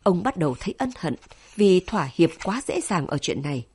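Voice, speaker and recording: Husky-voiced woman narrating a novel. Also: lowish voice, big pitch swings, fairly quick, darkish tone. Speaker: audiobook narrator.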